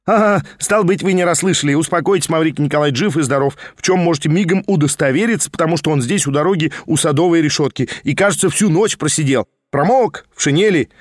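A man's voice: fairly high pitch, no room sound, studio quality, natural voice. A man doing a chattering, feverish young schemer. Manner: chattering, rapid and insistent. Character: fast-talking scheming young nobleman, fussy and feverish.

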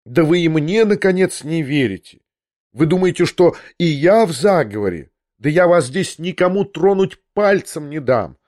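A man's voice: fairly high pitch, expressive, moderate pace, darkish tone, no echo, studio quality, voice pushed up, natural voice. A man as an impetuous young man. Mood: passionate. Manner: exclaiming, insistent.

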